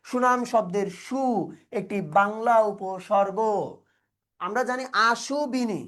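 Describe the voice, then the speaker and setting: A woman teaching an exam-prep lesson, asking questions and answering them herself step by step. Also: mid-range voice. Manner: explains step by step, asks and answers own questions.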